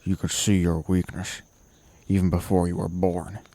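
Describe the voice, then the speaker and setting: A man's voice: deep voice, level tone, normal speed, dark tone, dry recording. A man voicing a sneering ghostly old man. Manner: mocking, scornful, barking.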